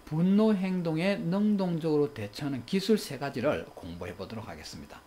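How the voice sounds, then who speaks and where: A man of middle age lectures on parenting in a quick, lively voice that rises and falls a lot. He slips into acted dialogue from family life, and a faint hiss sits under the recording. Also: a little high. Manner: animated, acts out quoted family exchanges.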